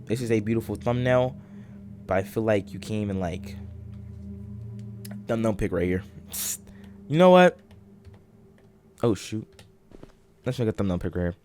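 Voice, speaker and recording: A young man with a groggy morning voice giving rambling, halting commentary while playing a game, full of fillers and restarts. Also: on the low side, expressive, a little mellow, a little hiss or hum. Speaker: gaming channel host. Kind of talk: casual let's-play commentary.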